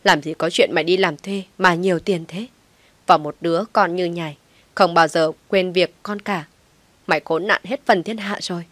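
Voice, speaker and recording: A woman voicing a sharp-tongued middle-aged aunt who scolds harshly, in a storybook reading. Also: fairly low pitch, fairly even intonation, moderate pace, dry recording, lightly acted. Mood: furious.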